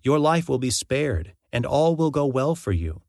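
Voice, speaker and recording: Guy reading a solemn old prophet, measured and grave, dry close sound. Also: mid-range voice, very animated, a little mellow, no echo. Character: prophet Jeremiah, grave bold older man.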